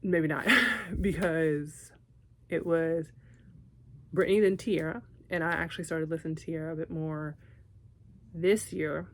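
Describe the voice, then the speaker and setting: A young woman from Texas with a Southern accent, chatting to camera in a lively vlog with many asides. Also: sits low, unhurried, long pauses, slight background noise. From Texas, United States. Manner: chatty and animated, with asides and laughs. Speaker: vlogger. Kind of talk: casual chat to camera.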